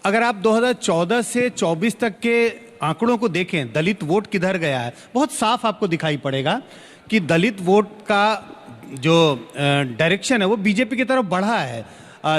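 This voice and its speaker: A male political analyst with a fairly high voice calmly walks through survey and vote figures. His voice carries a long reverb. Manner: measured and explanatory. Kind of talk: analytical TV commentary.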